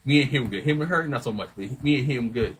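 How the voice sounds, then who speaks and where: A man telling a rambling, animated story in casual chat, swearing a lot and acting out what everyone said. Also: mid-range voice, fast, poor audio. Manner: rambling, animated retelling with lots of swearing and quoted dialogue.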